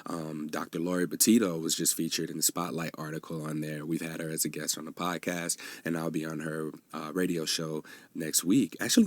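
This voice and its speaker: A deep-voiced man in his thirties hosts a podcast in a casual, rambling way, laughing easily at his own asides. There is no echo.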